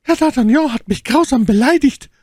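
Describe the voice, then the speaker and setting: A man putting on a shrill, venomous noblewoman. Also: very animated, measured pace, creaky, dry recording, studio quality, heavily acted. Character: icy vengeful noblewoman, adult, furious. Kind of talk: audiobook character voice.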